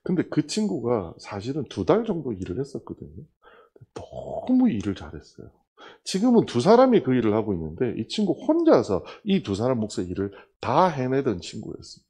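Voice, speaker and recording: A man's voice: mid-range voice, a little fast, husky. A middle-aged male pastor preaching a sermon, telling a personal testimony and acting out the dialogue of the people in it. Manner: storytelling, acting out dialogue with lively swings.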